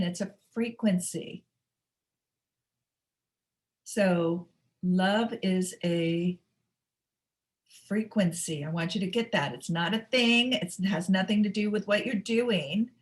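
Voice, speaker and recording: A middle-aged woman hosting a spiritual webinar, talking unscripted in a soft, halting way with many fillers and restarts. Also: on the low side. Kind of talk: unscripted teaching talk. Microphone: webinar microphone.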